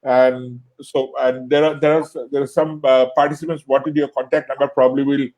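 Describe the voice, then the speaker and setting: A man from Bangladesh hosting an interview show, thanking his guest in a halting way, with many fillers and repeated words. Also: mid-range voice, flat delivery, darkish tone, highs cut off. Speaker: host. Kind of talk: closing an online interview show.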